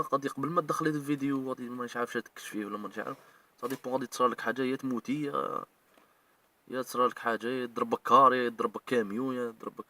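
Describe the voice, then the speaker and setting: A man's voice: medium pitch, bright, forceful tone, far from the mic. A man with an Algerian Arabic accent, scolding and ranting emotionally in a video as he speaks straight at the people he means. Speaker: online commentator. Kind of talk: heated video rant.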